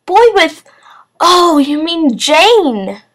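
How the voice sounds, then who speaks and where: Woman doing a friendly middle-aged teacher; higher, bright, exclaiming. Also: sing-song, moderate pace. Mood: amused. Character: kind, jolly woman schoolteacher, middle-aged.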